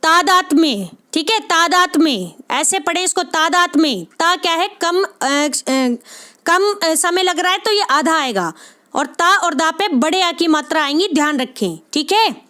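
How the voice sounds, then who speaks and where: A woman's voice: extremely high pitch, expressive, measured pace, pushed and bright. A woman teaching spelling for exams, explaining patiently and repeating each answer with frequent check-ins to her viewers. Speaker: Hindi exam tutor. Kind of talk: exam-prep lesson, repetitive explanation.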